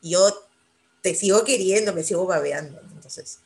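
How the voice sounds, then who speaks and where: A woman's voice: fairly low pitch, moderate pace, creaky, a little mellow. A middle-aged woman in a casual panel chat, speaking openly and emotionally about raising her children. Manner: emotional, talks of near tears. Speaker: mother of grown children.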